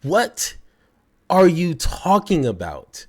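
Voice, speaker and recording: A man's voice: a little high, huge pitch swings, slow, slightly rough. A man giving an angry reaction commentary, heated and mocking, stumbling over his words when worked up.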